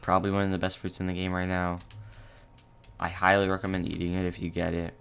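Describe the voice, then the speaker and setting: A young man narrating a casual gameplay tutorial, halting and low-key with many fillers. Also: monotone, vocal fry, a bit bright, smooth. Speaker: gaming channel host.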